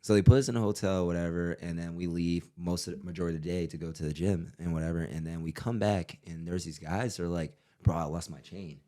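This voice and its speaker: Deep-voiced man telling stories casually. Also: quick pace, hardly any pauses. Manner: animated storyteller, swears freely. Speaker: podcast co-host. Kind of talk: casual chat.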